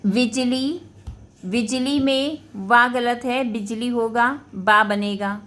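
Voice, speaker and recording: Speaking at a very unhurried pace, a female Hindi teacher goes over spelling corrections with school students. Her voice is bright and a little high, and for each word she names it, repeats it slowly, then explains the mistake.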